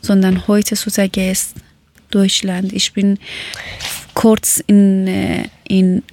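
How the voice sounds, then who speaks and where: Woman from Iran, host; slow, searching for words, even delivery, dry sound. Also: medium pitch, no echo. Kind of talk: casual talk in learner German.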